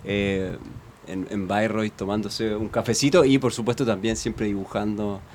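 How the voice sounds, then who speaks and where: A man's voice: lowish voice, fairly even intonation, normal speed, a little mellow, a little hiss or hum. A man co-hosting a radio interview and asking easygoing questions. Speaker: co-host.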